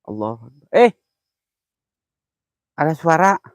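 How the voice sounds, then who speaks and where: A man on a live stream, chatting casually with viewers. His nervous chatter keeps breaking into quiet, muttered prayers. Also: fairly high pitch, very animated, slow, no room sound. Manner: jittery, mutters prayers under his breath between loud chatter.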